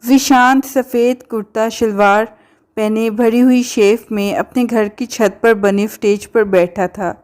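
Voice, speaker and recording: A woman narrating a romance novel in a steady, even storytelling manner. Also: on the high side.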